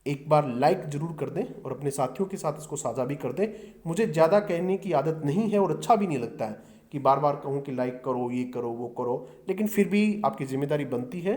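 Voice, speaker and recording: A man's voice: on the high side, a little mellow. A middle-aged man teaching exam vocabulary, often asking his students a question and then answering it himself. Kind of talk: exam-prep vocabulary lesson.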